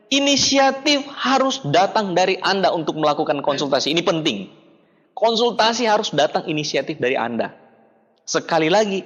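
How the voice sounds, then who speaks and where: A man giving a motivational seminar talk in an animated, emphatic way, with dialogues acted out. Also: fairly high pitch. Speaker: business seminar speaker. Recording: dull lo-fi recording in a reverberant hall.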